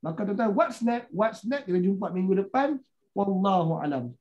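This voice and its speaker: A man with a Malaysian Malay accent teaches a Quran study class over a video call. He tells the story with animated swings in pitch and voices the characters' dialogue himself. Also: normal speed, dull audio. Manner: lively storytelling, acting out dialogue. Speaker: religious teacher.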